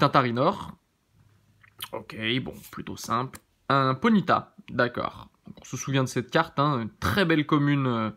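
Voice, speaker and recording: A man in a casual, easygoing commentary, talking through each card as he turns it over at a middling pitch. He muses aloud, hesitates over names and corrects himself with plenty of fillers. The tone stays relaxed and conversational throughout. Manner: thinks aloud, often unsure of names; relaxed, chatty, many fillers. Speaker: YouTube channel host.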